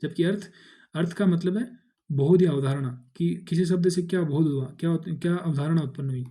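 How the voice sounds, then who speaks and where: A man's voice: a little high, moderate pace, mellow. A man giving a casual exam-prep lesson, explaining with fillers and restarts and mixing in English words. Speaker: exam tutor.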